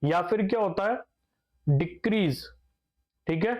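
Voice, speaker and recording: This is a young male nursing teacher with a high voice. He lectures patiently, asks the class questions and answers them himself, and repeats each key term a few times. He drops English medical words into his speech. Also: lively intonation, measured pace, a little mellow.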